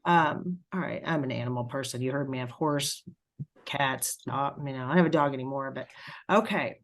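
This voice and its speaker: A middle-aged woman with a low voice gives a spiritual reading, pausing often and filling gaps with "um." She talks haltingly and gets emotional as she relays what she senses. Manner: halting, emotional, many fillers and pauses. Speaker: spiritual medium.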